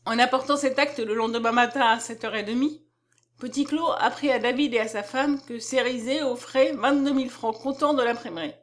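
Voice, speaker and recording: A woman narrating a classic novel in an audiobook, reading in an even, measured way. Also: on the high side.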